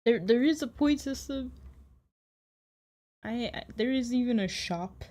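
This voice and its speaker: A woman streamer chatting casually with her live chat, relaxed and rambling, swearing now and then. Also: a little high, measured pace. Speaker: streamer and Live2D artist.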